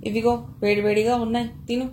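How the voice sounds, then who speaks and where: A woman's voice: a little high, little pitch movement, a little fast, a little mellow, slight background noise, lightly acted. A woman reading a playful young male student. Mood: teasing. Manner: coaxing, light-hearted.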